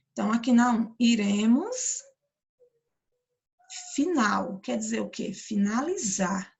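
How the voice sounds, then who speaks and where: A woman teacher with a Brazilian Portuguese accent explaining a grammar lesson, drawing out example words slowly and often checking that the listeners follow. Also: fairly high pitch, creaky, husky. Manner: slow, stretched-out pronunciation of example words; frequent check-ins with listeners. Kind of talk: recorded classroom lesson explanation.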